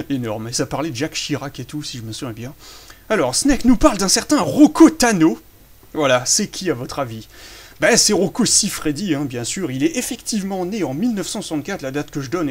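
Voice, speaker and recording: A man chatting casually through a behind-the-scenes commentary on his own fan film, self-amused and full of hesitations. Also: on the high side.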